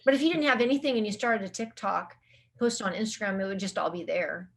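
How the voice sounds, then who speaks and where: A woman's voice: medium pitch, fast, fairly bright tone. A woman speaking as a marketing guest in a casual interview. She rambles, restarts her sentences and uses lots of filler words. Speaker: guest social media marketing specialist.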